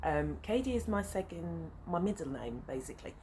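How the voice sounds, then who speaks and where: A woman in her thirties with a lowish, slightly mellow voice talks at a moderate pace, very animated, in English with a French accent, French being her first language. As a sewing vlogger chatting casually to camera, she rambles, gets sidetracked, and fills her talk with "um"s and side notes. Faint traffic noise drifts in from the busy road beside her flat.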